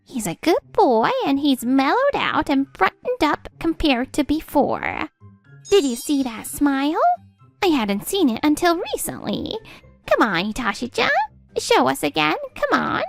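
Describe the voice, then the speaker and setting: Woman acting brash kindly older neighbor woman, comic dub, creaky, lively, music behind. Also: sits high, measured pace, full character voice. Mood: teasing, fond.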